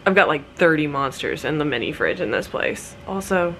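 A woman's voice: sits low, fairly bright tone, a little hiss or hum, low-quality recording. A young woman chatting casually to her phone camera in a hotel room, laid-back and laughing often. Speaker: vlogger. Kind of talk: casual vlog chat to camera. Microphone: phone camera held close.

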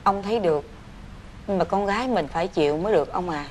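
A woman's voice: on the low side, fast talker, background noise, natural voice. An actress with a Southern Vietnamese accent playing a worried, middle-aged rich mother in a cartoon fairy tale. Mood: coaxing. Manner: coaxing, then frantic wailing. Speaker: voice actor. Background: music.

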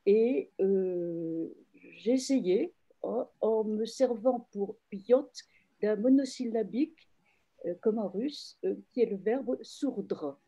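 A woman literary translator explaining her work in an online panel discussion, reflective and hesitant, with frequent pauses and restarts. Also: mid-range voice, warm tone, husky, muffled recording. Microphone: video call.

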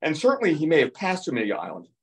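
Older male history lecturer, animated storyteller, heard from across the room. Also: a little high, quick pace. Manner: lively storytelling, acts out quotes in playful voices. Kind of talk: museum lecture with slides. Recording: voice heard from a distance.

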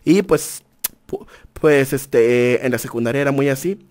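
Animated streamer, crude slang. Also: male voice, mid-range voice, unhurried. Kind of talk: casual storytelling to chat.

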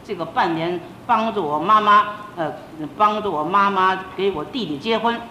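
Older woman telling an emotional sermon story. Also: moderate pace. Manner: emotional, animated storyteller acting out dialogue. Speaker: senior religious teacher. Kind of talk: sermon told as personal testimony. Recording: roomy old tape with faint rumble.

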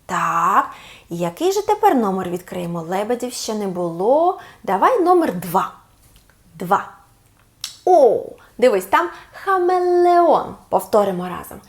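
A woman speech therapist giving a children's lesson, drawing out words slowly for the child to repeat and coaxing with sing-song praise. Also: medium pitch, sing-song.

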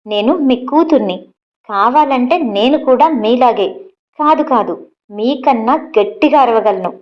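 A woman voicing a grown daughter who fiercely defies her father in a storybook reading, shouting her accusations. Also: on the high side, lively intonation, a little slow, muffled recording. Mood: furious.

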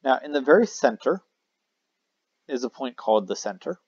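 A man's voice: medium pitch, very animated, moderate pace, breathy edge, no room sound. A man teaching a math lesson, explaining casually, correcting himself with frequent "uh" fillers as he draws. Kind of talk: recorded math lesson at a whiteboard. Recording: dry, slightly dull lo-fi mic.

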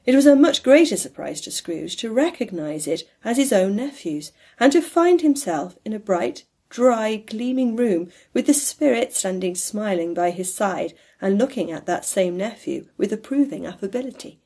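Husky-voiced woman narrating a classic tale. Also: mid-range voice. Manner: expressive, measured storytelling. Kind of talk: audiobook narration of a classic novel.

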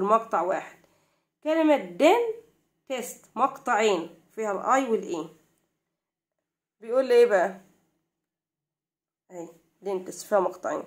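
A young woman with an Egyptian Arabic accent teaching a primary-school English lesson. She reads English slowly, translates it and keeps asking questions. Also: fairly high pitch.

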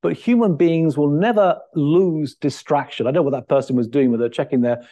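Middle-aged guy lecturing at a podium, mellow tone, lots of ums and restarts. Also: on the high side, fairly quick. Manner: thinking aloud, many fillers and restarts. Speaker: keynote speaker. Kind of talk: conference lecture. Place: large lecture hall, at a lectern.

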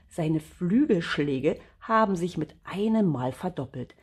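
An older woman reads a children's storybook aloud. Her voice is fairly low, soft and breathy, and she takes her time. She lifts and drops her pitch expressively. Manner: gentle, expressive read-aloud. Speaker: grandmother storyteller. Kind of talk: storybook reading.

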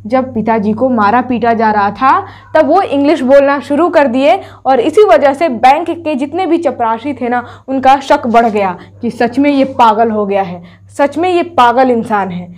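A woman's voice: high voice, measured pace, hardly any pauses, a little mellow. A woman teacher explaining a story chapter to students in an online class. She repeats each point and asks herself rhetorical questions as she goes. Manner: addresses students directly, telling them to take screenshots.

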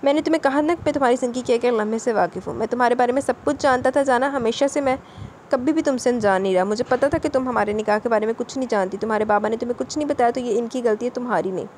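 A woman's voice: on the high side, racing, a little mellow, slight background noise, natural voice. A woman voicing a young husband who is loving and possessive, coaxing and scolding his crying wife in an audio novel. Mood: soothing. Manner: pleading, coaxing then scolding.

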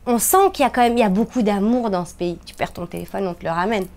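A woman from France chats as a guest in an interview. She talks with animated emphasis. Her voice sits in a middle register and swoops high when she gets excited. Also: fast talker. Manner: animated and emphatic, with big pitch swings. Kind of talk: casual interview chat.

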